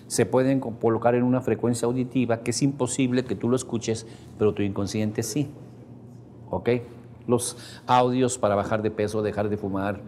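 A man's voice: medium pitch, little pitch movement, moderate pace, a little mellow. A man with a Mexican Spanish accent leads a workshop for a live group in a mid-range voice. He explains in an easygoing, conversational way, with frequent asides to his listeners. Faint ambient noise sits under the recording. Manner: conversational, explains with everyday examples and checks in with the audience. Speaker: seminar instructor. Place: seminar room with a live audience.

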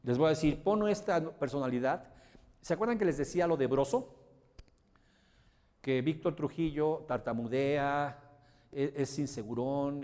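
A man leading a motivational seminar, emphatic and often asking his audience whether he is being clear. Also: mid-range voice, darkish tone. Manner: emphatic, checks understanding with rhetorical questions. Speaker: motivational course instructor. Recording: long hall reverb.

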